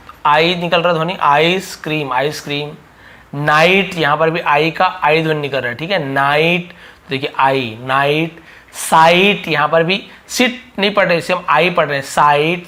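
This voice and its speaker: In a phonics lesson, a man teaches English pronunciation, slowly repeating example words and answering his own questions. His voice is a little high with a sharp tone.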